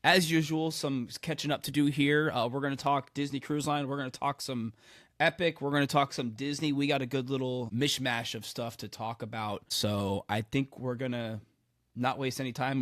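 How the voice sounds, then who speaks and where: A male podcast host chats casually through the tail end of a head cold. His voice sits at a middle pitch, and the recording is close and dry, with very little room around it. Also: fairly even intonation, normal speed, fairly bright tone, no echo. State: getting over a head cold.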